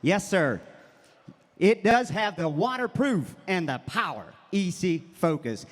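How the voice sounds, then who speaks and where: High-voiced male auctioneer in a hall. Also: very animated, takes it slowly. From West Virginia. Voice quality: formal introduction leading into a rolling bid chant. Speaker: auction contestant. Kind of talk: auctioneer chant. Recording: reverberant event hall.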